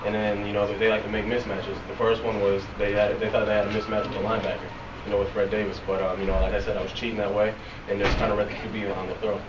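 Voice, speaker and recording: Fast-talking young man, flat and low. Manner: quick, soft-spoken, many fillers and restarts. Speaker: football player at a press conference. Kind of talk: post-game press interview. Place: locker room press area, indoors. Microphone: reporters' recorders held close. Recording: roomy, from a distance, noisy.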